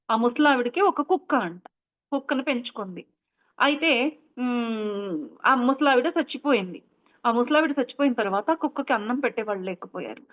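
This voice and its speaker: A woman meditation teacher retells a story, stopping often to explain things to her listeners. Her voice sits a little high. The sound is thin and phone-like. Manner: explanatory, chatty, many asides. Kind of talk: storytelling talk. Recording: tinny phone-like line.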